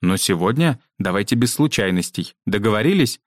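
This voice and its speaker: A man's voice: fairly low pitch, animated, brisk, no room sound, natural voice. A man voicing a strict, dry-witted woman teacher who questions two pupils in a clipped, stern manner, read out in a storybook.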